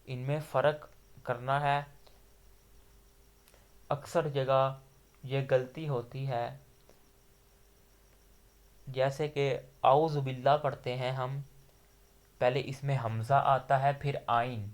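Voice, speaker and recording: Patient man teaching letter sounds slowly. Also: medium pitch, little pitch movement. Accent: Pakistani Urdu. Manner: patient, explains letter sounds step by step, drawing out example letters. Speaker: Quran recitation teacher. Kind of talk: slow explanatory lesson.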